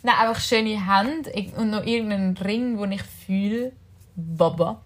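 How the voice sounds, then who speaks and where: A woman's voice: mid-range voice, measured pace. A young woman with a Swiss German accent in casual chat as a podcast co-host, thinking aloud with many filler words.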